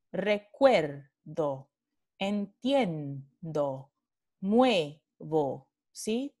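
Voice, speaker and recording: A woman giving a recorded linguistics lecture over slides, talking slowly and carefully and repeating example words. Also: medium pitch, dark tone.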